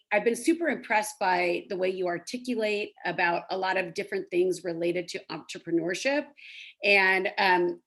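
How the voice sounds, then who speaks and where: A woman hosting a casual interview podcast, effusive and complimentary, phrasing things loosely as she goes. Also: lowish voice.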